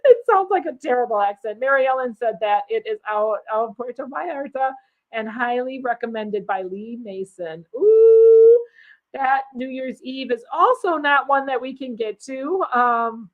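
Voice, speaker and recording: A woman's voice: fairly high pitch, animated, normal speed, narrow, tinny audio. A woman hosting a casual cruise chat, reading out viewer comments in a bubbly, chatty way and laughing easily. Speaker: cruise vlogger host.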